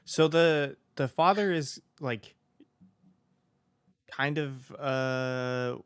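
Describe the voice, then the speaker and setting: A man running a tabletop game as its game master. His voice is gravelly yet smooth, and it sits close and dry on the mic. He narrates with many hesitant fillers. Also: mid-range voice, drawn-out words, a bit bright, no echo.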